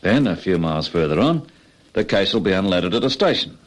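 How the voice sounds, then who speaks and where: Here a male actor voices the same kind of role: a brash, impatient Australian crime boss from a vintage radio crime show. Low-pitched and very animated, he speaks a bit quickly in casual, persuasive language, with an insistent, scheming mood.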